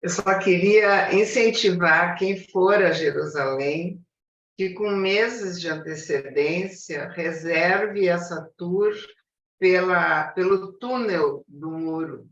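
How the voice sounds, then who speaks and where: A woman's voice: on the low side, slow pace. A woman from Brazil on a video call, earnestly encouraging others to plan a visit. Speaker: study group participant. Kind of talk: casual online group discussion. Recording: distant, echoey, dull video call audio.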